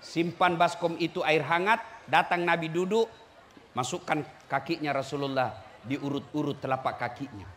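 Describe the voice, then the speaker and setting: Male preacher, high ringing voice, playful crowd-teasing sermon. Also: steady tone, normal speed, slight background noise. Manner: teasing, shouting and singing to the audience. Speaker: Islamic preacher. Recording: echoey hall with faint ambience.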